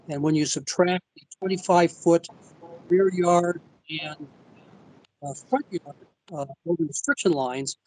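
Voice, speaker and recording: A man's voice: fairly high pitch, poor audio. Man on a remote call line. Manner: halting, many fillers. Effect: remote call audio, breaking up. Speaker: architect presenting for an applicant. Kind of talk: formal presentation to a zoning board.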